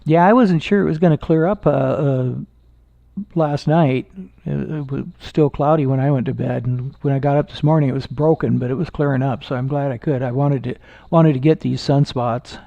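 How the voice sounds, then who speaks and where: Gravelly-voiced man chatting on a live stream. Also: medium pitch, dry recording, lo-fi sound. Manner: relaxed, halting, with many fillers and restarts. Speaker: amateur astronomer streaming live. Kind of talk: casual live-stream chat with viewers. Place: indoors at home.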